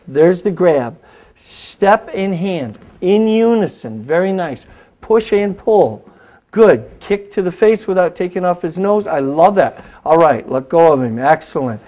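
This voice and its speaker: A man with a fairly high, slightly mellow voice hosts a safety show, coaching a self-defense technique with step-by-step commands. He speaks at a normal speed with lively intonation and hardly pauses. He is both the host and a martial arts instructor, in an instructional demonstration on a talk show.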